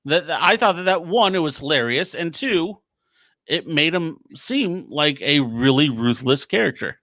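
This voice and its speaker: A man's voice: on the high side, expressive, moderate pace, bright, forceful tone, no echo, studio quality. A young man co-hosting a casual movie review podcast, easygoing and agreeable, often restarting his sentences. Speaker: podcast co-host.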